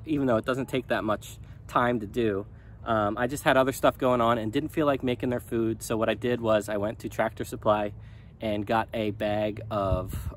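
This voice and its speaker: A man in his thirties talking casually to a handheld phone outdoors in his chicken run, relaxed and rambling with many ums. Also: mid-range voice, slight background noise. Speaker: small farm vlogger. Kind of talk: casual vlog talk to camera. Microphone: phone at arm's length.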